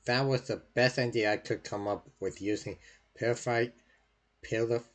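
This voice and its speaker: A man's voice: lowish voice, normal speed. A man giving loose comic narration. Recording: loud music over the voice.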